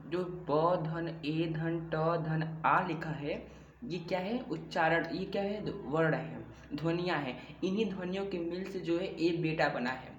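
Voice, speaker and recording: A man teaching a grammar lesson, explaining slowly and repeating himself, often asking a question before he answers it. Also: fairly high pitch, muffled recording. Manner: slow, repetitive explaining with rhetorical questions. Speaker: Hindi teacher. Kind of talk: classroom-style grammar lesson. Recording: echoey room with faint background hum.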